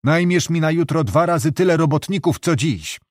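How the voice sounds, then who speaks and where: A man's voice: a little high, animated, normal speed, no echo, clean studio sound, pitched above the performer's own voice, natural voice. A man voicing an irritated, condescending older male director of a health resort. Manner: testy, condescending.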